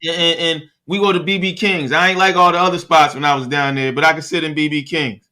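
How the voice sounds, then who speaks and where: Bright-voiced man hosting a casual podcast. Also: fairly high pitch, fast talker. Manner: relaxed, friendly slang, trails off searching for words. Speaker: podcast host.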